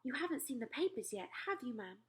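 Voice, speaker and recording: A woman's voice: fairly high pitch, sing-song, fairly quick, a bit bright, slight background noise, voice pushed up. A woman reading aloud and voicing a timid, deferential maid who quavers and keeps saying ma'am. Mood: anxious.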